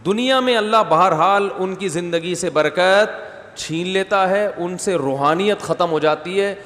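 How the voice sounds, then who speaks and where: A man's voice: high voice, fairly bright tone. Man preaching in a reverberant hall. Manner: informal asides and rhetorical questions to the audience; humorous wordplay. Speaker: religious scholar giving a lecture. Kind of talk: conversational religious lecture. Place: mosque gathering after night prayers. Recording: long hall reverb, faint background noise.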